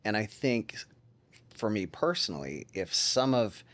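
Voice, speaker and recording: A male podcast host in relaxed conversation. His voice sits on the low side, and he talks in a measured, reflective way, often from personal experience.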